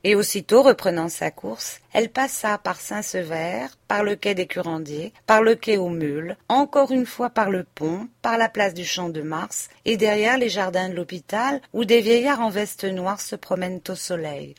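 A woman's voice: medium pitch, moderate pace, few pauses, dry recording. Woman narrating a classic novel. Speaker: audiobook reader. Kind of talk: scripted literary narration.

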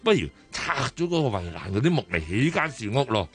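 A man's voice: medium pitch, sing-song, brisk, soft background music, close to an everyday voice. A middle-aged man acting an easygoing husband in a radio drama, chatty and full of questions. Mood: casual. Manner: chatty, curious.

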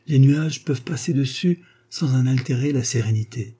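A man reading aloud voices a devoted young woman, gentle and earnest, lifting his voice for her. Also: medium pitch, moderate pace, slightly rough, voice pushed up, lightly acted. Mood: tender.

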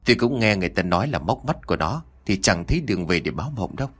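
A cruel conspirator murmuring a grim plan in a low, quick voice, as a man reads him in an audiobook. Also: sing-song, fairly bright tone, breathy edge, exaggerated voice. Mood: conspiratorial.

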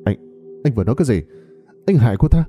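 A man voicing a worried, angry younger brother who fires sharp questions. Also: fairly low pitch, sing-song, fast talker, soft background music. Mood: demanding. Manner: pleading then demanding, sharp questions.

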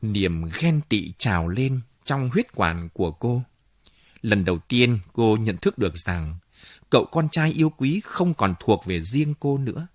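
Male audiobook narrator, mid pitch, lively intonation, dry close recording. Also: measured pace, dry recording. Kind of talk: audiobook story reading.

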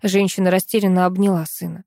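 A woman reading a first-person story aloud as an audiobook narrator, in an even, ironic storytelling manner. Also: lowish voice, fast talker, gravelly, dry recording, clean studio sound.

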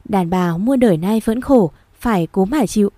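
A woman reading a story, voicing an older mother who speaks low and sadly, close to tears, giving traditional advice. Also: moderate pace, mellow, no room sound, lightly acted. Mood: sorrowful. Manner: low, sad, near tears. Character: older rural mother, sorrowful and old-fashioned.

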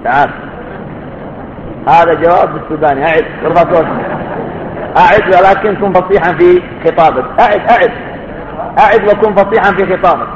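A man with a high voice gives a religious lecture to students at a study course, talking fairly quickly between long pauses. Emphatic and fond of rhetorical questions, he sometimes calls on the audience to respond, and the lo-fi hall recording sounds echoey and dull with background noise.

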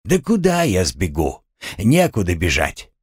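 A man's voice: low-pitched, huge pitch swings, a little slow, husky, no echo, clean studio sound, exaggerated voice. A man voicing a timid, simple-minded male orderly who speaks deferentially and a little slyly. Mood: meek deferential. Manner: meek, servile, slightly sly.

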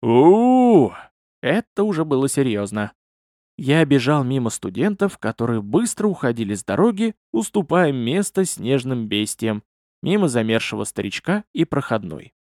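Guy reading an audiobook, lively sing-song delivery, dead dry booth sound. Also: mid-range voice, moderate pace, dry recording. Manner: expressive, lively storytelling. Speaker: audiobook narrator. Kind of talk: scripted first-person narration.

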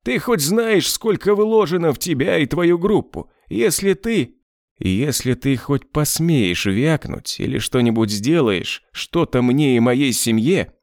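A man voicing a scheming, ruthless male crime boss who sneers and snaps in shrill outbursts. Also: expressive, slow, hardly any pauses, darkish tone, dry recording, clean studio sound. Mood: indignant.

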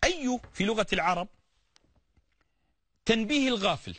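Male preacher, lively high voice, bright tone, dry close sound. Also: normal speed, slightly rough, no echo. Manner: animated, explains word meanings with everyday examples and repeated calls to listen. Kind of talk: sermon on stories of the prophets.

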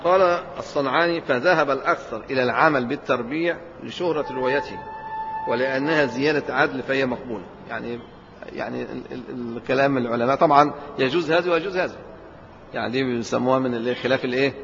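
A man's voice: medium pitch, fast talker, background noise. A man with an Egyptian accent giving a colloquial religious lesson, explaining step by step and posing questions he then answers himself. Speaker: religious teacher. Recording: reverberant hall, slightly dull lo-fi sound.

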